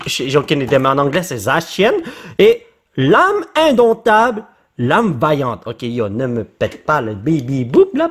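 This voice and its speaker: A man with a Québécois French accent, opening trading card packs in an excited casual vlog and dropping English slang into his French. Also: high-pitched. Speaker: YouTuber opening trading cards.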